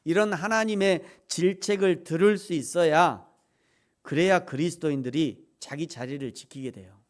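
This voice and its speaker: A man preaching a sermon as pastor, swinging from loud shouts to hushed, soft speech. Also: fairly high pitch, moderate pace. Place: church sanctuary.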